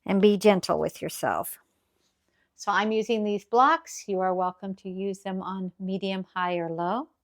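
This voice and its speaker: A woman teaching yoga as a calm guided grounding exercise, gently and encouragingly instructing. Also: medium pitch, a little slow.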